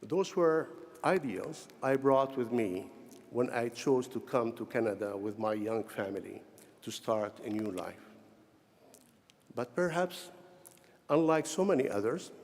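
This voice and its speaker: A middle-aged or older Syrian man with a Syrian Arabic accent, receiving an honorary doctorate, gives a formal, prepared convocation address to graduates. His medium-pitched voice moves in measured, deliberate short phrases. The large hall is echoey, with long reverb.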